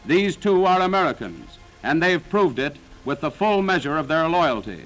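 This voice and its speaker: A man's voice: fairly high pitch, very animated, moderate pace, a bit bright, faint music behind, poor audio. A man narrating a 1940s wartime newsreel in a dramatic, solemn, declaiming manner.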